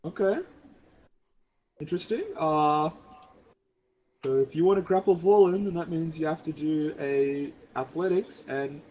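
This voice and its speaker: Casual young dungeon master, slightly high. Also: male voice, fairly even intonation, dark tone, poor audio. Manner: casual, halting with fillers, slows for rulings. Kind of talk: running a tabletop game.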